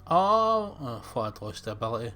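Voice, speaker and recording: A man giving casual gameplay commentary in quiet, muttered asides. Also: lowish voice, fairly even intonation, moderate pace, a little hiss or hum.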